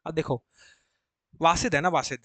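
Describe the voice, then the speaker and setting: Chatty male chemistry teacher, high voice. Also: normal speed, sharp tone, dry recording. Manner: chatty, coaxing, repeats and quizzes students. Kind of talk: live class explanation. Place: coaching classroom.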